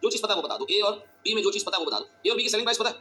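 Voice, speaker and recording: A male teacher giving a classroom lecture, talking fast and urgently, repeating phrases and quizzing his students. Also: high voice, lively intonation, pushed and bright, a little hiss or hum.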